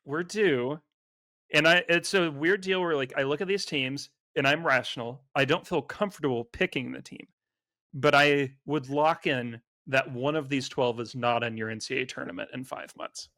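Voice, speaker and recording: A man's voice: mid-range voice, no echo, clean studio sound. A man co-hosting a sports podcast, chatting casually and rattling off stats with frequent fillers. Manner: animated, quick stats-driven talk with fillers. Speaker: co-host.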